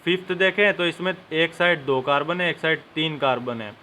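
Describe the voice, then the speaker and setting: A man's voice: fairly high pitch, a little fast, sharp tone, slight background noise. A young man teaching a chemistry lesson step by step and speaking directly to his students. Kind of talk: classroom-style lesson.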